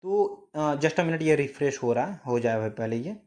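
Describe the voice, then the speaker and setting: A man's voice: a little high, expressive, normal speed, darkish tone. A man teaching a screen-share tutorial, explaining step by step with frequent fillers, self-corrections and repeated reminders. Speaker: stock market educator.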